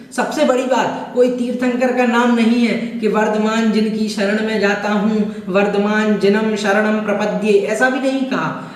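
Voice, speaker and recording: A man teaching a scripture lesson, explaining each word slowly and with deliberate care, sometimes chanting verses. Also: sits high. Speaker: religious teacher. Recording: echoey room, mic far off.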